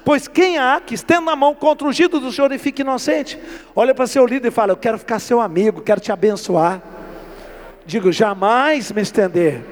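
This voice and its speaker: A man with a Brazilian Portuguese accent preaching a sermon, reading scripture aloud, explaining it and calling on the congregation to respond. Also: very high-pitched. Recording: long hall reverb.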